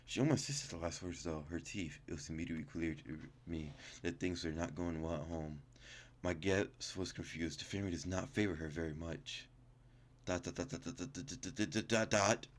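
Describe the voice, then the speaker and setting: A low-pitched man reads game text at normal speed, with a little hiss or hum in the background. Playing the gaming YouTuber, he stumbles and corrects himself between casual reactions.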